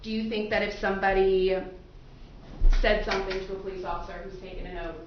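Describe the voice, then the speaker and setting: Her voice medium in pitch with fairly even intonation, a woman attorney moves at a quick pace through questioning prospective jurors in a big courtroom. She politely probes and reflects their answers back to them. The recording is muffled and very echoey from a distant mic, with faint noise.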